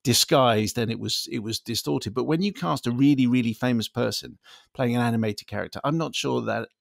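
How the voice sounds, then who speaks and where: A man chatting as co-host of a film discussion. His voice sits at a middling pitch with noticeable fry, in a dry, close recording. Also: brisk, no room sound. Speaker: radio show co-host.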